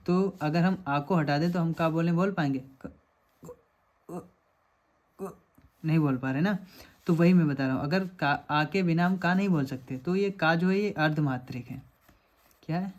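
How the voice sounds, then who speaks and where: A man's voice: on the high side, a little fast, dull audio. A man teaching a lecture, working through quiz questions step by step and often checking that students follow. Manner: explanatory, repeats checks like "samajh rahe hain aap".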